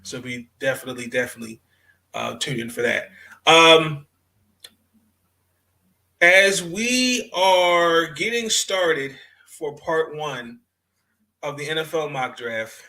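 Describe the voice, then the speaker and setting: A man hosting a sports podcast in casual, unscripted talk, halting and repeating phrases as he goes. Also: on the high side, pushed and bright, poor audio.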